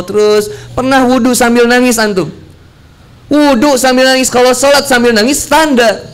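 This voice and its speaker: A man giving a casual sermon, telling stories and acting out heartfelt prayers. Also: high-pitched. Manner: slangy, animated storytelling with prayers acted out. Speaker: preacher.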